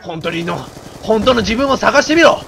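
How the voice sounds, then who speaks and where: A man doing game commentary while he plays, barking orders like a mock commander and shouting in rough slang. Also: high-pitched, animated, normal speed, over a noisy crowd. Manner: loud, theatrical, bossy mock-commander banter. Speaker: gaming commentator.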